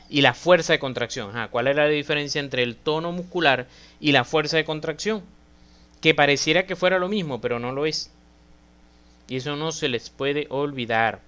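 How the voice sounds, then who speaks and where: A man's voice: mid-range voice, a bit bright, clean tone, lo-fi sound. A man giving a conversational medical lecture, often asking his students questions. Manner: conversational, asks students questions, frequent fillers. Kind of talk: university lecture.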